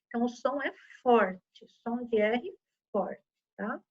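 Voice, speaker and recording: A woman's voice: fairly high pitch, slow, darkish tone, dull audio. A woman teaching children a lesson, patiently explaining step by step and checking in often. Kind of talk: online Portuguese lesson for children.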